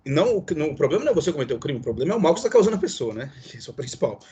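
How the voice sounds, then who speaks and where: This Brazilian law professor, whose accent is Brazilian Portuguese, lectures a class in a voice on the high side, sing-song, mellow and slightly rough. He talks rapid-fire, explaining things with lots of fillers and tag questions.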